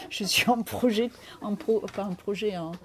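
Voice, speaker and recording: A woman in her fifties speaking as an author in an interview, reflective and searching for her words. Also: mid-range voice. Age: 50s. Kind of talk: interview conversation.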